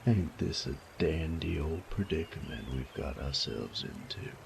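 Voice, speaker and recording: Here the same kind of role returns: a man playing a very deep, gravelly bandit who is sadistic, cocky, teasing, and menacing, in an intimate roleplay audio drama. His delivery is a slow, taunting drawl with folksy, profane wording and lively intonation, wry and complaining in mood, all in full character voice. There is noise in the background.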